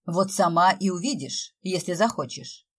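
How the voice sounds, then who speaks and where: A woman's voice: lowish voice, lively intonation, normal speed, slightly rough. A woman reading the part of a playful, teasing man who works as Father Frost, with joking, mock-solemn delivery. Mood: mock-serious.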